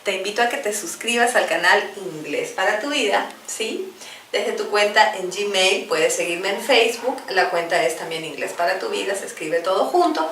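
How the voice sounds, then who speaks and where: A woman teaching English online, reciting short rhymes slowly and clearly for her students to repeat. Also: mid-range voice, expressive, fairly bright tone, echoey room, far from the mic, a little hiss or hum. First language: Spanish. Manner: slow, deliberate recitation of rhymes for repetition.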